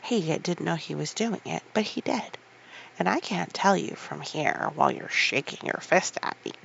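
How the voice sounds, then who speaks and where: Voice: medium pitch, expressive, normal speed, vocal fry, fairly bright tone, dull audio, slight background noise. A reader voicing a stubborn young girl, speaking insistently in a storybook reading.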